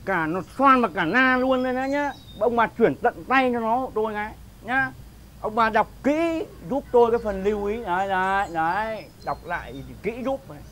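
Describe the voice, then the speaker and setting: A man's voice: high-pitched, moderate pace, a bit bright, a little hiss or hum. A man acting in a rural comedy sketch, a pushy, boastful villager who stammers as he invites neighbours to his son's wedding.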